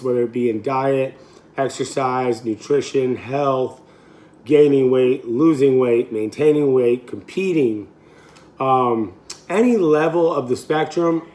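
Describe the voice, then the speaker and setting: A man in his thirties with a raspy, throaty voice, hoarse from a recent illness, chatting casually and off the cuff to camera as a fitness vlogger. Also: mid-range voice, a little mellow. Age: 30s. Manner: informal, rambling, unscripted. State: hoarse, getting over being sick.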